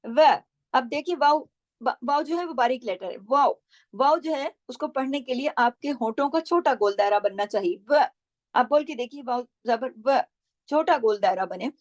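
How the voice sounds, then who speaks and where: A woman teaching Quran recitation rules, patiently explaining and slowly repeating syllables to model each sound. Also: sits high, expressive, no room sound. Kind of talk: tajweed lesson, explaining pronunciation.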